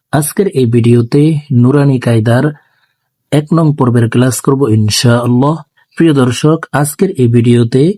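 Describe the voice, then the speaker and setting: A man teaching Quran reading in a slow, gentle lesson, saying each letter over and over so viewers can repeat after him. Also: mid-range voice, dry recording, studio quality.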